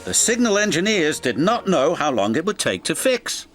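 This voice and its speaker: A man narrating a children's story in an expressive, storytelling manner. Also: fairly high pitch, normal speed. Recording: music behind the voice. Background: music.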